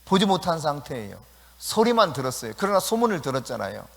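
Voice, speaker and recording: A male pastor delivering an evening sermon with emphasis and dramatic flair. His voice sits a touch high for a man. The long reverb of the church sanctuary trails behind every phrase. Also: big pitch swings, quick pace, vocal fry. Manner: emphatic, acts out scripture quotes. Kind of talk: sermon at an evening prayer meeting.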